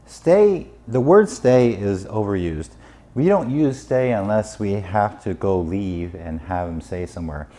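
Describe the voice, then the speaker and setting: A man's voice: on the low side, expressive, a little slow, warm tone. A man working as a dog trainer, patiently explaining training steps to a dog's owner. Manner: patient, instructive.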